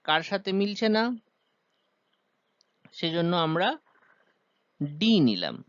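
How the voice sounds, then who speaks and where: A man's voice: high-pitched, sing-song, takes it slowly, fairly bright tone, smooth, no room sound, muffled recording. A man teaching a poem's rhyme scheme and meter, explaining step by step with frequent "ah" hesitations. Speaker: literature teacher.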